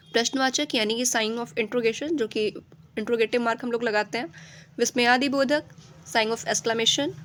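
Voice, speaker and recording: Woman teaching grammar, slightly high voice. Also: fairly bright tone. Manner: explains each term, repeating it in simple words. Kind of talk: Hindi grammar lesson.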